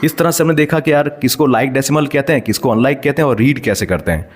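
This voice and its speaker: A man's voice: mid-range voice, fairly quick, husky. A man explaining decimals step by step as a teacher, patient and checking in frequent rhetorical questions. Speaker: math teacher. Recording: long hall reverb.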